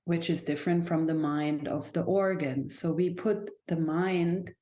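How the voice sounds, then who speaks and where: This podcast guest, a German dance and movement teacher, has a low, mellow voice with a steady tone and a measured pace. Speaking English as a second language, she is reflective and hesitant, frequently restarting as she hunts for words.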